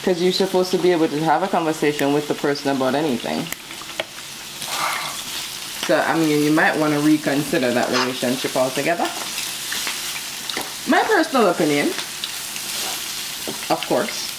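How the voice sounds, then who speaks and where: A woman with a notably low voice chats casually as co-host of a cooking vlog. She is opinionated and conversational. Food fries and sizzles audibly behind her. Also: animated, normal speed, pauses often, noisy background. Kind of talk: casual relationship chat while cooking. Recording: loud sizzling food close by. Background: frying and sizzling on a grill.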